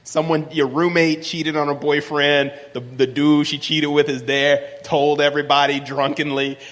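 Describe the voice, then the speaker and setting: A man with a loud, projecting voice, telling a personal story on stage and acting out the dialogue. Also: on the high side, moderate pace. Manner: animated, acts out dialogue in raised voices. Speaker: live storyteller. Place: stage in a large hall. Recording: live recording with long hall reverb.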